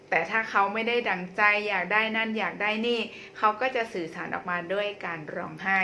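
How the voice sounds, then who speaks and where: Bright-voiced woman parenting coach. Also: medium pitch, a little hiss or hum. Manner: gentle, repetitive, adds polite particles often. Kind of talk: instructional talk to mothers.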